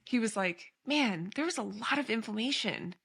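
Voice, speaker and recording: A woman hosting a podcast, chatting casually in an animated way, laughing easily and using lots of fillers. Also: fairly high pitch, moderate pace, creaky, slightly rough. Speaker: podcast host.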